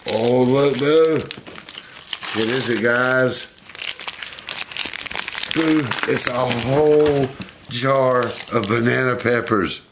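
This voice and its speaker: A man's voice: medium pitch, background noise. A man hosting a casual home video, coaxing and doting on his pet monkeys.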